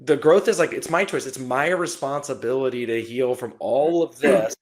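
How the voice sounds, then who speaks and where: A man's voice: medium pitch, normal speed. A man hosting a podcast, asking long searching questions full of fillers. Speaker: podcast host. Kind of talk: casual interview.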